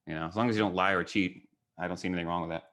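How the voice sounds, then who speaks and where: Speaking very fast in a low, fairly even voice against background noise, this Kentucky-born American man talks casually on a video call. A photographer and artist, he gives an informal online gallery talk, fielding questions with rambling anecdotes and frequent quotes from others.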